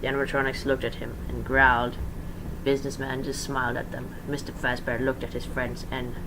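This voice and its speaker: An amateur narrator with a medium-pitched, level voice reads a dramatic story briskly and informally, stumbling over words and correcting himself along the way. Faint background noise can be heard.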